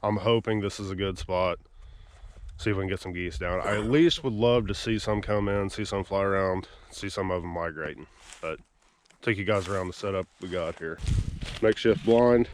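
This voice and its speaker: Out in a rural field, a hunting vlogger narrates casually on an action camera, chatty and easygoing as he explains things along the way. He has a low voice and a moderate pace, with a little hiss or hum in the audio.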